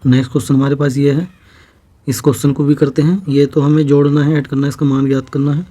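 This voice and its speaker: Speaking fast with a warm, level, medium-pitched voice, a man teaches an exam-prep math lesson in a Hindi-speaking North Indian accent. He breaks each problem into steps and patiently checks that his students are following.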